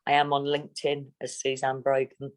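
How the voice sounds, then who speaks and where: Her delivery completely flat, a middle-aged woman from England speaks in a rumbling low voice. As an interviewee she is blunt, plain-spoken, and measured, keeping the candid conversation steady.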